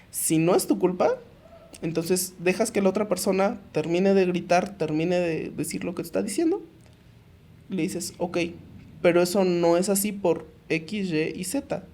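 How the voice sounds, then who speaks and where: A young adult woman with a Mexican accent, co-hosting a podcast and giving calm, practical advice in casual chat. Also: medium pitch. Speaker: podcast co-host.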